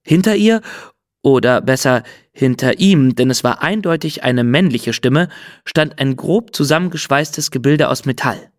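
A man narrating a children's storybook in an expressive, storytelling manner. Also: mid-range voice, unhurried, no room sound, studio quality. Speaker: audiobook narrator.

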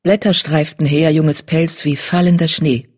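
A steady audiobook narrator with a husky, breathy voice in a middle pitch. The reading is measured and even. It sounds like scripted storytelling.

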